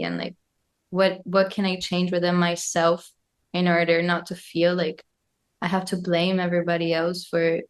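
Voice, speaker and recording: Low, flat-toned woman from Argentina. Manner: reflective, thinks aloud with frequent fillers. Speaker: guest musician. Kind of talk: casual podcast conversation.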